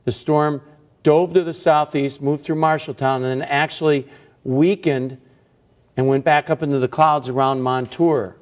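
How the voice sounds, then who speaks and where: A man's voice: fairly high pitch, steady tone, a little slow. A man working as a TV meteorologist, giving live radar commentary in short, emphatic phrases. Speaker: chief TV meteorologist.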